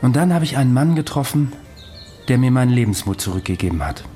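A man's voice: medium pitch, animated, fast, mellow, faint music behind, close to an everyday voice. An actor playing a world-weary, undying ancient wanderer in an audio drama, telling his past in a wry, brooding manner. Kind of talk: audio drama dialogue and storytelling.

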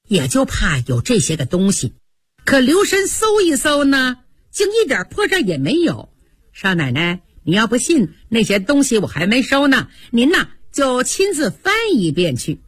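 A pert, quick-witted young maid rattles off sly jabs and sharp retorts, in a woman storyteller's voice. The delivery swings widely in pitch, husky and breathy, recorded close and dry. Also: huge pitch swings, no echo, heavily acted. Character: quick-witted young maidservant, shrewd and fiery.

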